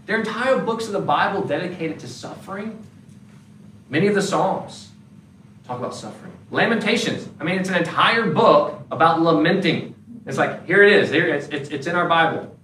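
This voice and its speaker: A male pastor preaching a sermon in a conversational, animated way, slipping into quick acted asides. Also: on the high side. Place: church sanctuary. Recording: roomy, distant church recording with faint background noise.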